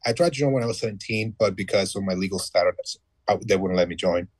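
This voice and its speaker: A man in his mid-thirties, a guest telling his story in a relaxed, matter-of-fact way in a casual conversation. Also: deep voice, fast talker, dry recording. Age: 30s. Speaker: guest, former Marine.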